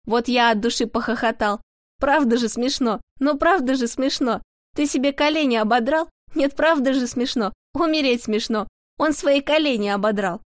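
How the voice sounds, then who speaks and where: A woman's voice: fairly high pitch, moderate pace, dry recording, studio quality, lightly acted. A woman voicing a merry, mocking prankster who teases a friend in a sing-song way. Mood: teasing.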